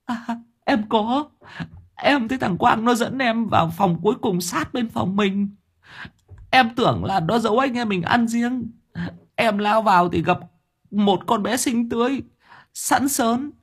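A man voicing a whiny young man in pain, whimpering and pleading in a high voice. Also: a little slow, husky, heavily acted.

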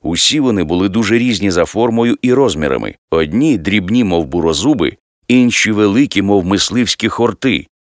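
A man reads an audiobook in a steady, measured way. His voice is on the low side, and the recording is dry and studio quality.

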